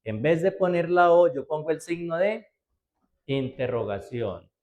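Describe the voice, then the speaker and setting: A man's voice: fairly high pitch, animated, measured pace, a little mellow, highs cut off. A man teaching a spreadsheet class, explaining step by step in a patient way and often checking that his students follow. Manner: patient, step by step, checks understanding with frequent "¿cierto?". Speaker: computer class instructor.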